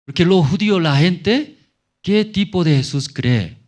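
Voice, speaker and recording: Slow, lively-voiced man preaching. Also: high voice. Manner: asks the congregation many questions, slow and lively. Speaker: pastor. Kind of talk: Sunday sermon with call-and-response. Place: church.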